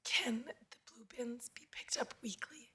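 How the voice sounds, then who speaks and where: A woman's voice: mid-range voice, normal speed, a bit bright. Woman speaking in a strained whisper. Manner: strained half-whisper, brief questions. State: lost her voice. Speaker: town councillor. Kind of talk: council meeting discussion. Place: council chamber.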